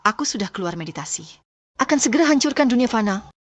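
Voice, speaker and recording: A woman voicing an arrogant demon villain with a menacing dark lord manner in a dubbed fantasy drama, gloating and scornful of humans. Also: fairly high pitch, animated, fast, noisy background, lightly acted.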